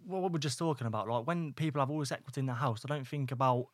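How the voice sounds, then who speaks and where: Fast-talking man, dry sound. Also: medium pitch, no room sound. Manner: rapid, informal, says "mate" often. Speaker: guest, electrician and property investor. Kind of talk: casual interview chat.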